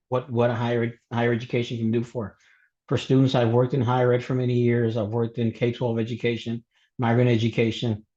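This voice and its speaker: A man from Mexico who grew up in Texas, introducing himself as a panelist in a webinar, pausing often with fillers and restarts. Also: medium pitch, warm tone. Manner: halting, many fillers and restarts. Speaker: panelist, college instructor. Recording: dull lo-fi webinar audio.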